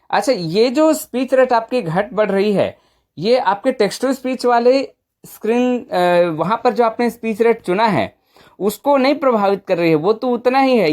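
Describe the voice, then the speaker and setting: A woman's voice: mid-range voice, a little mellow. A woman presenting an informal step-by-step phone tutorial, conversational and often checking in with short tag questions.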